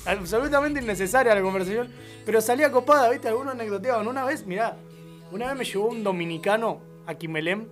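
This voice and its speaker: A man with an Argentine Rioplatense accent co-hosting a live radio show, chatting casually and telling animated, laughing anecdotes. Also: sits high, fast talker, soft background music. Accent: Argentine Rioplatense Spanish. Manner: animated storyteller, laughs often.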